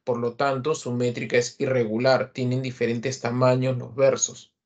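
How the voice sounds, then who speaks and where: A man's voice: mid-range voice, level tone, moderate pace, a little mellow, lo-fi sound. Male literature teacher, filler-heavy lecture. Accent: Peruvian Spanish. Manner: explanatory, many fillers and tag questions. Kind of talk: online class lecture.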